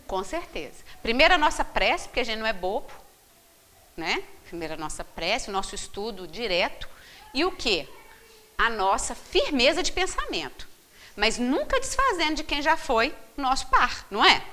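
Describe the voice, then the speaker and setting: A woman leading a book study group, animated and constantly checking in with her listeners through rhetorical questions. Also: a little high, moderate pace, a little hiss or hum. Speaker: spiritist study group leader.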